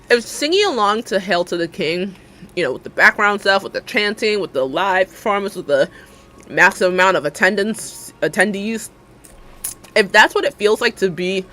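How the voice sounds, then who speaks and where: A woman's voice: mid-range voice, sharp tone. A young adult woman chatting casually with her live viewers, rambling with lots of fillers and frequent laughs. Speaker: livestreamer.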